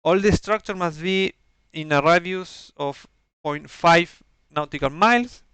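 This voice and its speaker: A man with a non-native English accent giving an explanatory game briefing in a halting, methodical way, searching for words. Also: a little high, a bit bright, smooth, dry recording. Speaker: organizer briefing players on campaign rules.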